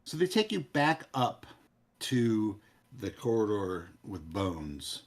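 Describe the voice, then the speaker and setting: A man narrating a tabletop game as game master, halting as he searches for words. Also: fairly low pitch, very animated.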